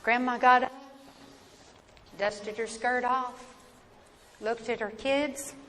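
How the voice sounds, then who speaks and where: Echoey, slow-talking Appalachian woman telling stories. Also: fairly high pitch, steady tone, bright, forceful tone. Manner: folksy, dramatic, deliberate with pauses. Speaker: storyteller. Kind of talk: oral family storytelling, live performance. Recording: echoey hall with noticeable background noise.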